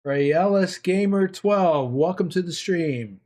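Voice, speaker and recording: An older man with a slightly raised voice, talking in a relaxed, chatty way during a live game stream. He greets viewers by name and answers their comments as he plays, easygoing and unhurried. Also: high-pitched. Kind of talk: casual live-stream commentary while playing.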